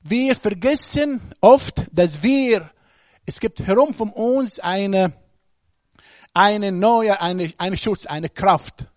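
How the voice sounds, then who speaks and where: A man's voice: sits high, takes it slowly, no echo, clean studio sound. A man preaching a sermon, speaking emphatically and putting questions straight to the congregation.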